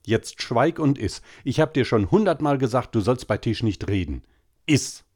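A man's voice: medium pitch, expressive, moderate pace, a little mellow, husky, voice pushed up. A man voicing a strict, prim mother who scolds at the dinner table, in an audiobook story. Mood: scolding. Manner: scolding, clipped.

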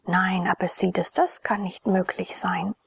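A woman voicing a gentle, warm-hearted young woman in an audiobook, speaking in a tender, pleading manner. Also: medium pitch, fairly even intonation, unhurried, vocal fry, breathy edge, heavily acted.

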